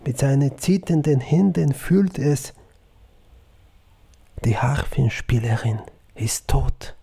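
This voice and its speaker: Slow calm man reading an audiobook story, dark husky voice. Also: mid-range voice. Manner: calm and measured. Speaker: audiobook narrator.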